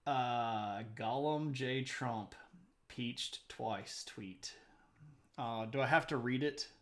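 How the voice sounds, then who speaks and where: A man hosting a live stream, chatting casually with viewers, answering their messages aloud and laughing often. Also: medium pitch. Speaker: livestream host.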